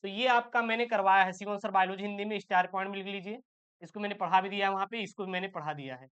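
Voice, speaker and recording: A man teaching an exam-prep lesson. His voice is smooth and clean but sounds muffled through a dull, lo-fi recording. He reads passages slowly and keeps posing questions that he answers himself. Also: high-pitched, steady tone, a bit bright. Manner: reads set texts aloud slowly.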